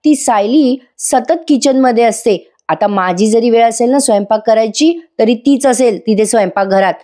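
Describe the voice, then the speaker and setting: A woman's voice: on the high side, normal speed, warm tone, lightly acted. A woman voicing a lazy young wife who argues back at her husband. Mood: dismissive. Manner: dismissive, argumentative.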